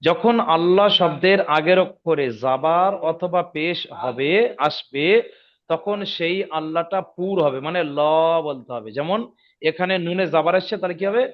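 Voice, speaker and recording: A man teaching Quran reading rules in an online lesson, patiently repeating each rule and checking if his students follow. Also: a little high. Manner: slows down and drawls when demonstrating recitation. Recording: dull lo-fi audio.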